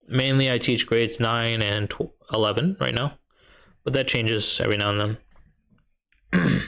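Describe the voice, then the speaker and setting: An easygoing American streamer with a Chicago accent, who teaches high school math, chats with his audience while gaming. His medium-pitched voice is a bit bright, and he thinks out loud as he reads and responds to questions in chat.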